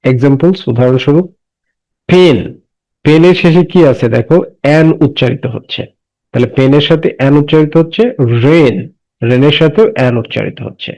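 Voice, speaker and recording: A man teaching a class. He asks questions and answers them himself, and reads English sentences slowly and deliberately. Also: on the high side, darkish tone. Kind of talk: classroom lesson explaining English words in Bengali. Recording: dull lo-fi recording.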